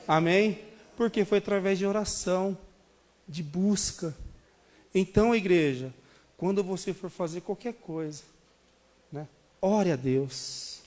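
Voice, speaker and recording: High-voiced Brazilian preacher telling a story. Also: male voice. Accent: Brazilian Portuguese. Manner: animated storytelling, addresses congregation as brothers. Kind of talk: sermon testimony.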